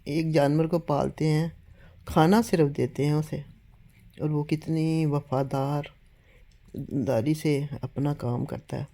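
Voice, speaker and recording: A woman's voice: low-pitched, fairly even intonation, mellow. An older woman telling a story at home to a phone camera, earnest and a little weak from illness, often urging listeners to believe her. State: weak and unwell. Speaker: home vlogger.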